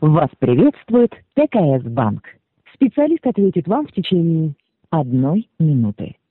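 Give me a recorded automated announcer on a bank phone line, with a flat scripted delivery. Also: medium pitch, a little slow, noisy background. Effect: automated phone-menu greeting over a line. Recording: tinny phone line with hold music.

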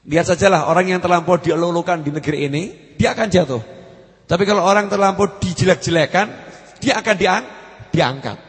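A man's voice: high-pitched, brisk, in a large hall. A man giving an Islamic study sermon, explaining points and repeating key phrases. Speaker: preacher.

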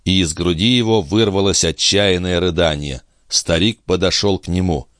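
Low, dry-sounding male narrator, measured delivery. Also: a bit bright, dry recording. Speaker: audiobook narrator. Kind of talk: scripted narration.

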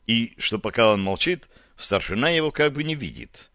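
A man reading a novel aloud in steady, measured audiobook narration. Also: mid-range voice, no echo, studio quality.

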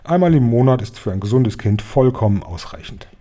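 A man's voice: mid-range voice, animated, fairly quick, mellow, natural voice. A man voicing a stern, knowing old grandmother who gives grave, matter-of-fact warnings in a storybook.

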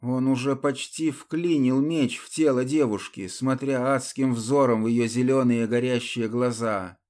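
A male audiobook narrator giving a dramatic, theatrical reading. He takes his time over each phrase, with a voice of ordinary pitch and a very slow, deliberate pace. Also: fairly even intonation, a little mellow.

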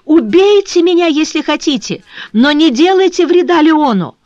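A frightened young woman begs in a high, trembling, tearful voice, as the reader puts her on. She is an audiobook character, heard close and dry with no room sound. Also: big pitch swings, normal speed, no echo, muffled recording, lightly acted. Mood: pleading. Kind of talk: audiobook reading.

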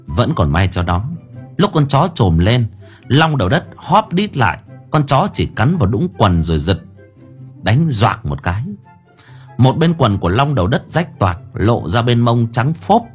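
A man narrating a comic story in a lively, playful storytelling manner. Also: mid-range voice, unhurried, slightly rough. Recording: faint background music.

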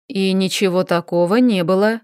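A woman's voice: mid-range voice, fairly even intonation, normal speed, darkish tone, smooth, no room sound, clean studio sound, close to an everyday voice. Woman voicing a haughty, hissing male warlock. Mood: defensive. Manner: cool, hissing, condescending.

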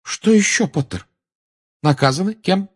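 A man reading as a strict older woman professor, his voice lifted above its usual range. She clips her words and delivers her rebukes acerbically, with a husky edge. It is an audiobook character voice. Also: high voice, animated, measured pace, voice pushed up, full character voice. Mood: stern. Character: stern older female professor.

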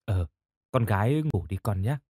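Gentle old father read by a man, storybook audio, hoarse, soothing, soft. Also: fairly low pitch, lively intonation, normal speed, no room sound, clean studio sound. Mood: tender.

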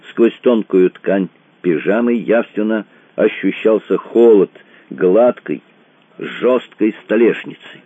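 Deep-voiced male audiobook narrator, tinny sound. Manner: expressive reading. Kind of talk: scripted narration. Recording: tinny phone-like dry sound.

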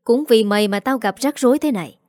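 A woman voicing a hot-tempered older father who shouts insults at his daughter. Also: sits high, brisk, no echo, studio quality, lightly acted. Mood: furious.

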